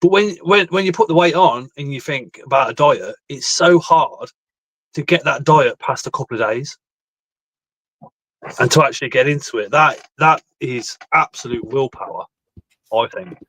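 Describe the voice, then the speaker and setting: A man's voice: medium pitch, animated, normal speed, fairly bright tone, dry recording. A man hosting a live stream, chatting casually, telling stories and swearing freely. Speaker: stream host.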